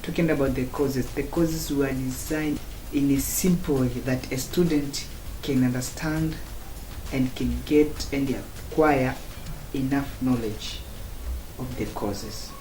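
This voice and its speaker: A man from Tanzania, giving a student testimonial in slow, halting phrases broken into short chunks. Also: mid-range voice, fairly even intonation, a little mellow. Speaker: former student giving a review. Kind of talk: spoken testimonial. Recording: roomy echo, faint background noise.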